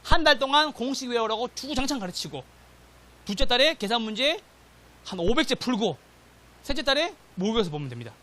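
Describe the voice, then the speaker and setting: A middle-aged man teaching an exam-prep class, lively and constantly checking that students follow. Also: very high voice, fairly quick. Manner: animated, checks in with "맞죠?" and "됐죠?", acts out quotes. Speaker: real estate exam lecturer. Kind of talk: classroom lecture.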